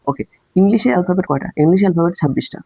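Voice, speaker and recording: A man's voice: high voice, very fast, creaky, mellow, husky, no room sound, poor audio. A man giving a casual spoken English lesson, explaining with rhetorical questions and sounding out letters aloud. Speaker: English teacher.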